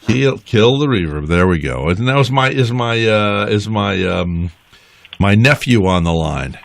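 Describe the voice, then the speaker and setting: A man hosting a radio talk show, teasing his guest and preaching in a lively, casual way. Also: on the low side, a little slow, vocal fry.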